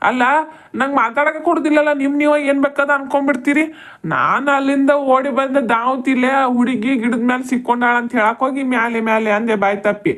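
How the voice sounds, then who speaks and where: A nervous cartoon village man, put on by a voice actor with a raised, high voice. He pleads politely and repeatedly in a North Karnataka Kannada accent. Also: close to an everyday voice. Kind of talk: cartoon comedy dubbing.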